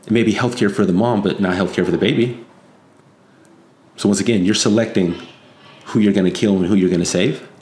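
A man's voice: on the low side, brisk, pauses often, darkish tone. A man delivering an unscripted opinion monologue as a commentator, earnest, insistent and moralizing, warning of threats and repeating phrases for emphasis. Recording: echoey room, faint background noise.

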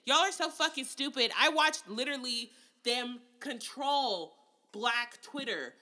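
Bright-voiced, profane woman ranting. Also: sits high, a little slow. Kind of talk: casual podcast chat.

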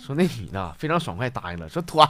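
A man's voice: medium pitch, fast, faint music behind. A man with a Northeastern Chinese accent hosting a comedy podcast, telling jokes and laughing at them himself. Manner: lively, laughs at own jokes.

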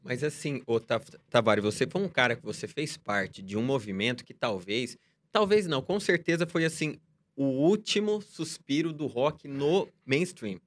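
A man hosting a casual interview, asking questions in a relaxed way. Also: mid-range voice, normal speed. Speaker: podcast host, interviewer.

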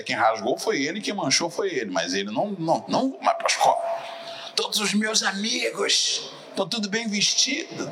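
A middle-aged man from Rio de Janeiro, preaching a sermon as pastor and telling stories in a lively way while asking the congregation to answer back. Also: medium pitch, noisy background. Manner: animated storyteller, asks the audience for replies.

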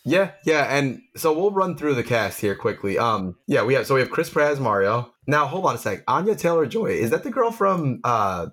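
A man's voice: mid-range voice, normal speed, hardly any pauses. A man co-hosting a casual gaming podcast, reading a cast list aloud and looking up names as he talks. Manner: animated, reads a cast list aloud and looks things up. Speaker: podcast co-host. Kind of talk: casual chat.

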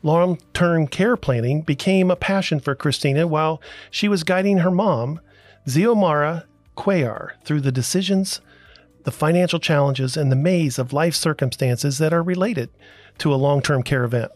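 A man's voice: on the high side, faint music behind. Podcast host, male, from Florida; easygoing chat with frequent "uh"s and restarts. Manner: unhurried, with many fillers and restarts. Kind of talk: casual talk-show chat.

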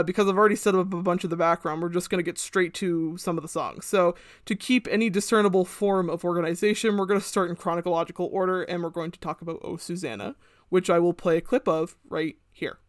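A man's voice: sits high, no room sound, clean studio sound. A man hosting a podcast, talking casually and sardonically, swearing now and then. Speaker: podcast host.

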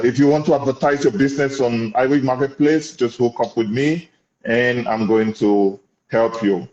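A man hosts a casual interview in an encouraging manner. His voice is dark and mellow at a middling pitch. The sound is somewhat muffled, with clear room echo. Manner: encouraging, complimentary. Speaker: host of a business interview show. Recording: muffled audio in an echoey room.

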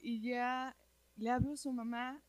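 A woman with a Mexican accent telling a personal story in casual chat, animated and slangy, peppering her talk with "güey". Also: a little high, measured pace, no echo.

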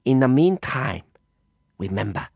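A male narrator voicing a theatrical, sweetly threatening woman who runs a brothel, speaking slowly. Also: medium pitch, big pitch swings, creaky, darkish tone, no echo, pitched above the performer's own voice, full character voice. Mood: silkily threatening. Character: menacing, silky woman brothel madam.

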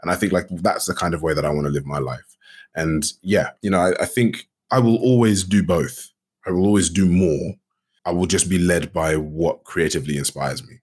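A man with a low, husky voice talks loosely in a casual interview. His delivery rambles, leaning on filler phrases and restarts. He sounds unhurried and easygoing as he answers. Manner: relaxed, rambling, full of "you know" and restarts. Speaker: guest, actor and game studio founder.

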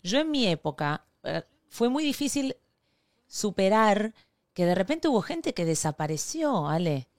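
A woman co-hosting a podcast, chatty, with quick asides and playful exaggeration. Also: medium pitch, very animated, darkish tone, dry recording, studio quality. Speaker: podcast co-host. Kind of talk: casual chat.

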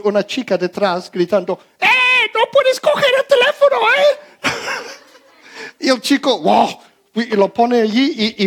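A man casually telling a funny anecdote to his audience, stumbling over his words, restarting often and laughing as he goes. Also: sits high. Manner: many fillers and repeated words. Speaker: storyteller talking to his audience.

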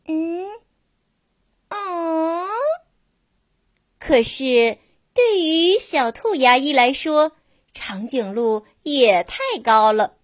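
A woman narrating a children's story slowly and expressively, speaking to a child. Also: high voice, no echo, clean studio sound. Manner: slow and expressive, addressing a child.

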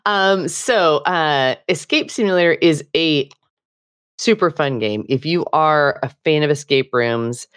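A woman's voice: sits low, unhurried, smooth. A woman co-hosting a gaming podcast in casual chat, teasing and laughing often. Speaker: podcast co-host.

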